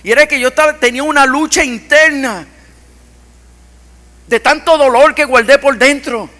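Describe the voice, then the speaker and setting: A male pastor preaching a sermon to his congregation, swinging from loud, urgent pleas to hushed, intimate passages, recorded on a stage microphone in a church. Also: extremely high pitch, normal speed. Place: church hall. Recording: long church-hall reverb.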